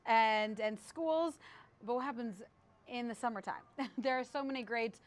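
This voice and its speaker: A woman's voice: a little high, normal speed. A woman hosting a local TV show, chatting casually and rambling, with frequent laughs. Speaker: TV show host previewing segments. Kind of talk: casual on-air chat.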